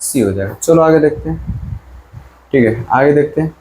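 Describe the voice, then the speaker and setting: A male teacher explains grammar in an exam-prep lesson, quizzing viewers repeatedly, repeating key words, and drawing out the English sentences he reads aloud. His voice is a little high, animated, and mellow, at a moderate pace. The room is echoey, with a faint hiss or hum.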